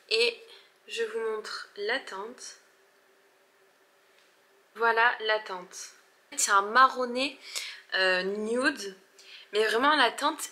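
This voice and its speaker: A woman's voice: on the high side, bright, forceful tone. A woman in her twenties casually showing off her beauty purchases, chatty and hesitant, full of fillers and restarts, gushing over the products. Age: 20s. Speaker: beauty vlogger. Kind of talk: casual haul vlog.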